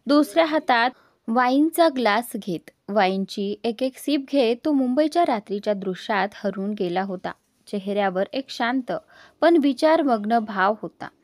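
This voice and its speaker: A woman's voice: a little high, lively intonation, normal speed, no echo, clean studio sound. Woman narrating a romance story.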